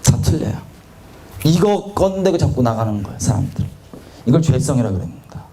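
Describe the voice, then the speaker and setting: A man's voice: medium pitch, sing-song, moderate pace, warm tone, slight background noise. A man preaching a confessional testimony sermon, candid and self-mocking, acting out the voices of the people he quotes. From South Korea.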